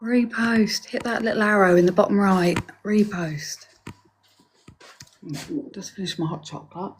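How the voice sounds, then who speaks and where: A woman's voice: medium pitch, unhurried, slight background noise. A woman co-hosting a casual live stream from home, chatty and friendly with viewers, greeting them by name.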